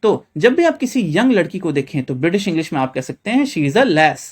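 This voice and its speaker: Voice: medium pitch, sing-song, fast talker, darkish tone, slightly rough. A teacher from India explaining a vocabulary lesson, often calling the viewers friends and repeating reminders to remember each word. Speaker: English teacher.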